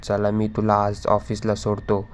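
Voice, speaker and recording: Brief: hot-tempered brother, read by a low-voiced man, monotone. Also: unhurried, a little hiss or hum, natural voice. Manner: flat, read-out delivery.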